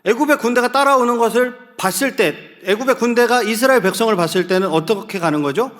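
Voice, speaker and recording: A man's voice: very high voice, fast, a bit bright. A man preaching a sermon to a youth group in a church, often asking the listeners questions and calling on them to read aloud together. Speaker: youth pastor.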